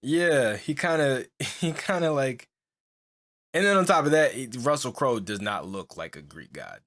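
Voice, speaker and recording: A very animated young man, medium-pitched, slightly slow, and a bit bright, co-hosts a podcast. His casual chat drifts loosely, heavy on "like," fillers, and restarts, and he laughs often.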